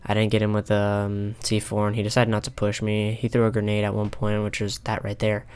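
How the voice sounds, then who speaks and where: A young man calmly talking over a replay of his own ranked match, pausing often with filler ums. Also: fairly low pitch, clear, resonant tone. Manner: halting, many filler ums, calm and analytical. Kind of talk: casual gameplay commentary. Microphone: console headset mic.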